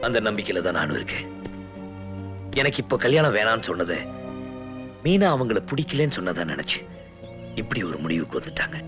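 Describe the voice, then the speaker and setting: A man's voice: lowish voice, sing-song, brisk, long pauses. An actor playing a young man who is wrongly blamed and pleads earnestly, in a film. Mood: sorrowful. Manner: pleading, emotional. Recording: film soundtrack with loud music.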